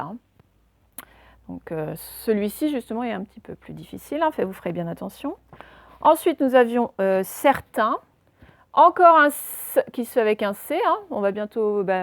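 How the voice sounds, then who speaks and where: A woman's voice: a little high, no echo. Woman teacher spelling out a dictation. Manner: slow, spelling out words letter by letter. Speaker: primary school teacher. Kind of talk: dictation lesson.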